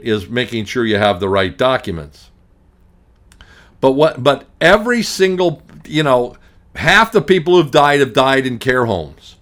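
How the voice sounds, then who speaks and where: A man's voice: mid-range voice, a bit bright. Blunt, grumpy middle-aged male radio host. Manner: emphatic, ranting, hammering repetition; frequent restarts, blunt and grumpy. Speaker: estate planning attorney. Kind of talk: radio talk monologue.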